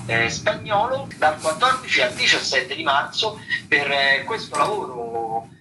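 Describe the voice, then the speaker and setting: A man's slightly high voice, very animated yet at a measured pace, carries a radio show where he talks through theatre listings in a loose, semi-improvised style, often hesitating and searching for words. Music sits under the broadcast, along with background noise.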